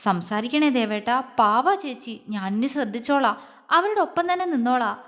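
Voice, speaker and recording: Woman reading as a young wife, soft and teary, high voice, long hall reverb. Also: lively intonation, normal speed. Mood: eager. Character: young wife, tearful then playful.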